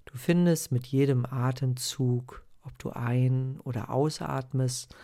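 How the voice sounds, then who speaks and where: A man with a mid-range voice leads a guided meditation like a sleep-story narrator. He takes his time, speaking slowly and calmly. His instructions are personal and gentle in manner, addressed to one listener. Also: mid-range voice. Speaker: podcast host guiding meditation.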